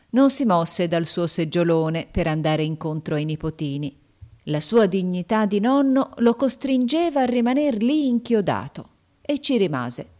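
Low-voiced woman reading a story. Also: a little mellow. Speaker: narrator.

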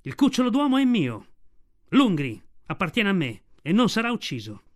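A man's voice: on the high side, animated, a little fast, darkish tone, lightly acted. A man voicing a fierce, protective mother she-wolf in an audiobook, speaking defiantly in a raised voice. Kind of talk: audiobook reading.

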